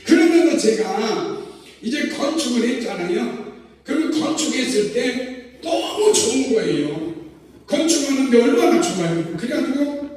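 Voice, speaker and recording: High-voiced Korean pastor preaching in an echoing hall. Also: male voice. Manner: animated, chuckling storytelling. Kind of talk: revival sermon. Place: large church sanctuary. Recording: echoey hall, voice from far off.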